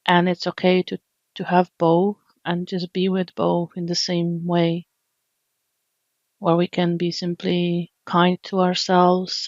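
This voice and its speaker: With long silences between phrases, a woman gently guides a slow, soothing body scan meditation. Her voice sits on the low side and stays level with little movement, recorded dry, a bit dull, and without room sound.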